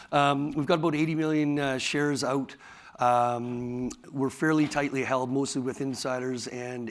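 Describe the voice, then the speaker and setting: In a conference hall, a man presents his company in a halting way, full of fillers and restarts. His mid-range voice is raspy, worn out from a full day of talking.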